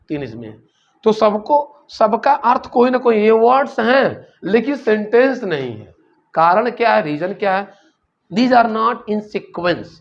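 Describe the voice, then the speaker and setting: A man's voice: high voice, vocal fry. A man teaching a grammar lesson, explaining step by step and asking rhetorical questions as he goes. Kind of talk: classroom-style grammar lesson. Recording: dull lo-fi recording.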